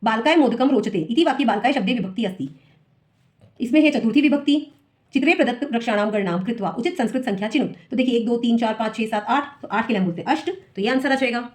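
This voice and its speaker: Working through an exam paper, a woman teacher reads each question aloud and then walks students through the answer step by step. Her voice is fairly high and she talks fast.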